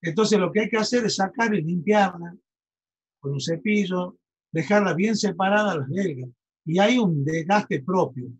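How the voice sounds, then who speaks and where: A man's voice: high-pitched, normal speed, husky, highs cut off. A man giving an engineering lecture, explaining step by step and often checking in with his students. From Argentina. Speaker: university lecturer.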